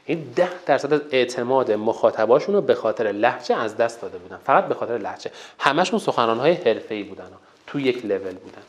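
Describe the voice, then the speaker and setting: A man's voice: mid-range voice, lively intonation. A man teaching a lesson as a public speaking coach, emphatic and counting off steps, whose first language is Turkic. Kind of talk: online lesson.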